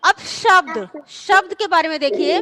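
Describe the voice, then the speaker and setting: A woman's voice: very high voice, expressive, over music. A woman teacher patiently reciting letters and explaining to children in an online class. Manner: slow, patient, drawn-out recitation.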